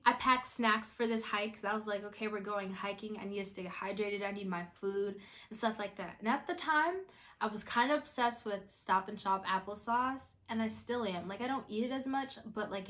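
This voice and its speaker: A young woman in her twenties telling a story in a casual, animated way, acting out her own quotes with lots of filler words. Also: medium pitch. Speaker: vlogger.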